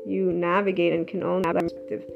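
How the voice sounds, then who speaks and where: A woman with a gravelly, creaky voice talks earnestly and a little ramblingly about emotions. Her sound is slightly muffled, and soft guitar music plays faintly behind her. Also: lowish voice, little pitch movement, fast talker. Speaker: self-help speaker. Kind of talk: reflective solo talk on emotions.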